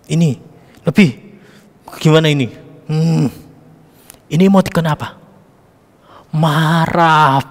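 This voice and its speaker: A man's voice: on the high side, normal speed, long pauses, a little mellow, in a large hall. A man leading a children's Sunday school Bible lesson, coaxing and addressing the kids directly.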